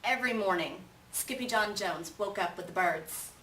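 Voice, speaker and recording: A woman reading a children's story aloud in an animated way, pausing to put questions to young listeners. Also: mid-range voice. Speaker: storybook reader. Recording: roomy, distant mic with faint noise.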